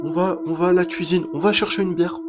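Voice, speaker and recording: Brief: man, comedy sketch, pushy hothead, slightly high voice, music under. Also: fairly even intonation, fast talker. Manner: heated, pushy, exasperated arguing.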